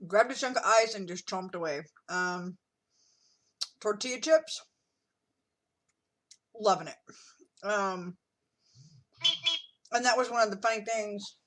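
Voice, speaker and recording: Woman vlogger, slow unhurried pace, lots of ums and restarts, casual video diary, middle-aged. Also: mid-range voice, a bit bright. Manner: unhurried, many fillers and restarts, talks while eating.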